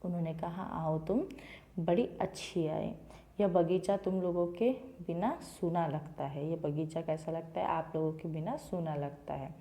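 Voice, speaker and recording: A woman teacher reads a story to schoolchildren and then explains each line in plain words. Her voice sits fairly low and sounds mellow and relaxed. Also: unhurried. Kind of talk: reading a Hindi textbook lesson aloud and explaining it to children.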